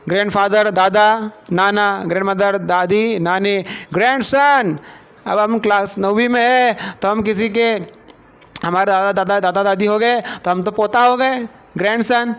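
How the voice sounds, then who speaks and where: A man's voice: sits high, measured pace, fairly bright tone, smooth. A man from India, teaching a vocabulary lesson and often quizzing the class with repeated questions. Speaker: English teacher.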